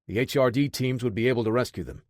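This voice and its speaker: A man narrating an action audiobook in a steady, dramatic storytelling manner. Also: medium pitch, fast, dry recording, studio quality. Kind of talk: scripted narration.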